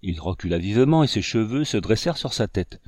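Low-voiced man reading a novel. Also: lively intonation, a little fast, a little mellow, dry recording, studio quality. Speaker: audiobook narrator. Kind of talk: reading a novel aloud, voicing the characters lightly.

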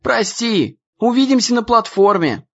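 A man's voice: extremely high pitch, expressive, a little slow, fairly bright tone, highs cut off, pitched above the performer's own voice, exaggerated voice. Dan, a man voicing a nervous young boy. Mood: anxious. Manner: nervous, stammering. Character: anxious young teenage boy, hurried. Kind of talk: audiobook character voice.

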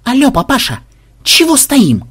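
Man voicing Ksen, brash yelling warlock. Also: very high-pitched, a little slow, husky, voice pushed up, exaggerated voice. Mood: scheming. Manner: loud, excitable, often yelling. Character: brash cunning male warlock programmer, young adult.

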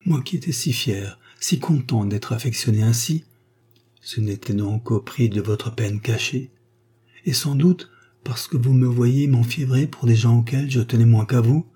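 A man's voice: mid-range voice, unhurried, warm tone, slightly rough. A man reading the lines of a refined, proud woman of fifty who earnestly confesses her feelings in a story. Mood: heartfelt. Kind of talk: audiobook reading of a short story.

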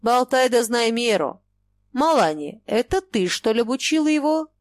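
A woman's voice: fairly high pitch, sing-song, moderate pace, no room sound, voice pushed up. A woman voicing an irritable, ailing old male merchant who answers in blunt, scornful retorts.

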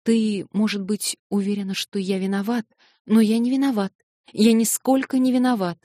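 A woman reading an audiobook and voicing an eager, flustered young man who excitedly protests his innocence. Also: medium pitch, normal speed, dry recording, clean studio sound, voice pushed up, lightly acted. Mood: excited pleading.

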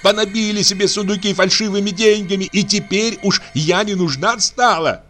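A man's voice: high voice, moderate pace, fairly bright tone, soft background music, voice pushed up. A male reader voicing a furious young peasant woman who screams and sobs with rage in an audiobook. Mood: shouting.

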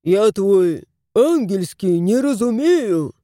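A woman's voice: medium pitch, very animated, slow, mellow, dry recording, clean studio sound. Woman doing a grumpy bearded house spirit. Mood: grumbling. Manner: grumbling, old-fashioned speech. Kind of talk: audiobook character voice.

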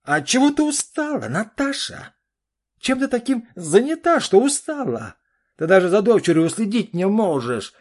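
A man voicing a furious middle-aged father in an audiobook, gruff and shouting. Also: low voice, animated, fast talker, few pauses, exaggerated voice. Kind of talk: audiobook reading.

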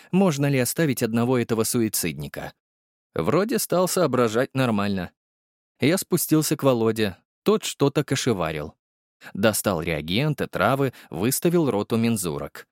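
A man reading a first-person audiobook in a blunt, gruff manner. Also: mid-range voice, sing-song, normal speed, no room sound, clean studio sound. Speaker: audiobook narrator.

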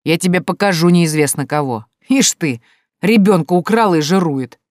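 A reader voicing a rough, drunk, brutal man who threatens and snarls slowly and loudly in an audiobook. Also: mid-range voice, no room sound, studio quality, close to an everyday voice. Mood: menacing. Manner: coarse, menacing, slow and loud. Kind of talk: audiobook character voice.

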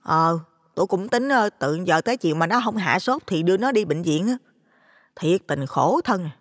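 A man's voice: expressive, clean studio sound. A man doing a nagging older village mother. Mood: worried. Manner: high falsetto, brisk and nagging. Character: worried older village mother, blunt and scolding. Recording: long reverb.

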